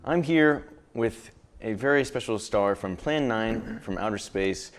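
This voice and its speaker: A man speaks as a horror show host with a fairly low, clean and resonant voice. His delivery is casual and dry, with some hesitation as he banters with a guest. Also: a little slow.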